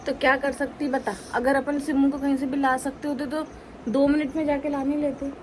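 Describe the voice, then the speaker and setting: A young woman chatting casually in a family vlog, gently coaxing and asking the same things again and again. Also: sits high, level tone, normal speed, background noise. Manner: coaxing, tender, repeats questions. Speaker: vlogger.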